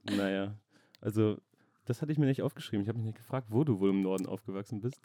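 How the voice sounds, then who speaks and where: Quick chatty guy hosting a podcast, low dark voice, dry sound. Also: no room sound. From Germany, near Oldenburg. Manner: fast, chatty, many fillers like "so, ne?". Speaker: podcast host, interviewer. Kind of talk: casual podcast interview. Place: hotel room.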